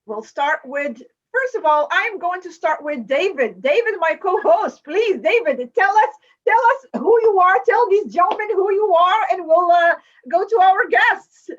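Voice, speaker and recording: High-voiced woman hosting a podcast. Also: lively intonation, unhurried. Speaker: podcast host. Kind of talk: podcast introduction. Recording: dull lo-fi audio.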